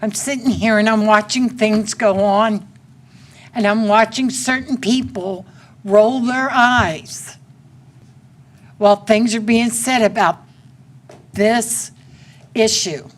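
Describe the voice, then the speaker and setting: A woman's voice: on the high side, takes it slowly, pauses often. A woman in her sixties with a Central Texas accent, pleading plainly during public comment at a city council meeting, speaking into a podium microphone. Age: 60s.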